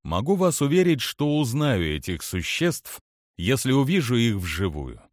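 A man reading the lines of a calm, analytical alien male commander in an audiobook, measured and precise. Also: mid-range voice, no room sound, clean studio sound. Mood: calm, composed.

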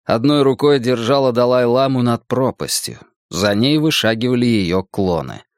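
Male narrator, mid pitch, dramatic first-person storytelling, very dry studio-like sound. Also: lively intonation, normal speed, no room sound. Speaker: audiobook narrator.

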